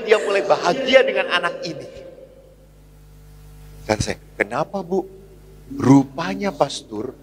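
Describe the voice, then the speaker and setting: Man, priest, sermon, lively storytelling, higher voice, hushed emphasis. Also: rough recording. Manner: animated, dropping to near-whispers for emphasis.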